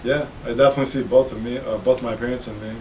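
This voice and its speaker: Brief: 30-year-old male podcast co-host, mid-pitched, laid-back, faint rumble under the voice. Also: fairly even intonation, poor audio. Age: 30s. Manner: laid-back, laughs readily, halting restarts. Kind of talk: casual chat.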